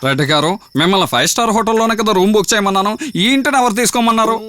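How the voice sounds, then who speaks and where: An actor playing a short-tempered comic gang leader, scolding his men in rapid, blustering rants in a dubbed comedy film. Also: high-pitched, lively intonation, smooth, soft background music. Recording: film soundtrack with loud score.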